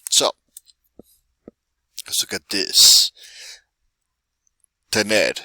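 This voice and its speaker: Slow, bright-voiced male Spanish teacher. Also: fairly low pitch, lively intonation, no echo. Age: 40s. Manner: patient, checks in with "right?". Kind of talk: recorded classroom lesson.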